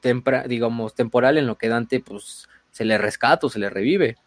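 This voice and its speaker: A man's voice: mid-range voice, normal speed, no echo. Slangy Mexican man retelling a story. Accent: Mexican Spanish. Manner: slangy, animated, lots of fillers. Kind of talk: casual chat retelling lore.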